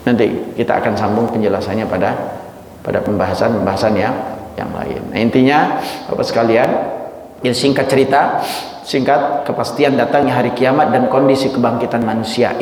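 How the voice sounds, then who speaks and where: A man giving a sermon as a religious teacher, swinging his pitch dramatically and speaking straight to his listeners. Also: a little mellow, slight background noise. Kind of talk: mosque sermon on a Quran chapter. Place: mosque hall. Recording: echoey mosque hall, faint ambience.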